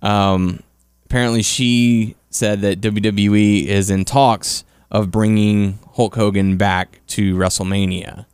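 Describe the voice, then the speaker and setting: A man's voice: lowish voice, steady tone, slow, a little mellow, smooth, no room sound, clean studio sound. A man hosting a casual sports talk podcast, interviewing a guest and introducing topics in conversational language. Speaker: podcast host.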